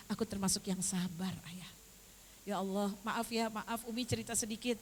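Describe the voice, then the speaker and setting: An older woman with an Indonesian accent giving a storytelling religious lecture to a women's group, animated and acting out the voices in her story. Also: medium pitch, normal speed. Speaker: religious teacher. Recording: hall reverb with faint hiss.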